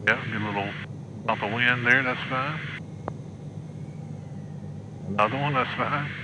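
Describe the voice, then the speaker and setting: A man's voice: mid-range voice, measured pace. Man on a cockpit headset over engine noise. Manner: calm, step-by-step coaching. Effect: pilot talking over a cockpit headset intercom. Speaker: pilot instructing a young student. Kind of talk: in-flight instruction and radio calls. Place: small plane cockpit in flight. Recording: noisy cockpit headset audio. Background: engine drone.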